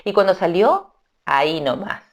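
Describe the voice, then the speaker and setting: A woman's voice: on the low side, sing-song, unhurried. A woman narrating a children's story, speaking expressively and addressing young listeners directly.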